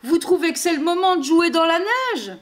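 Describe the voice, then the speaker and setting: A woman's voice: big pitch swings, moderate pace. A woman reading aloud, voicing a fussy owl who scolds Santa for playing. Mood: scolding. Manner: scolding, high-pitched.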